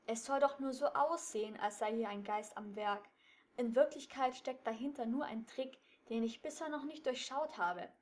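A woman's voice: on the high side, normal speed, a little mellow, natural voice. A woman voicing a clever teenage boy detective who explains firmly and a little impatiently. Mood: insistent. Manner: firm, explaining, slightly impatient.

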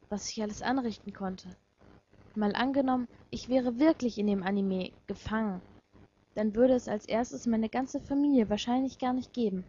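A woman reading a first-person fan story aloud in a measured, quiet and reflective way. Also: fairly high pitch, breathy edge, muffled recording.

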